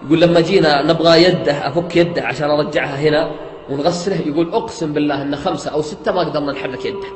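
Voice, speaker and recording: Fast-talking preacher in an echoey room. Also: male voice, a little high, steady tone. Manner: dramatic retelling, swears oaths, repeats "he says". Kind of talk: sermon storytelling. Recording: echoey room with faint music.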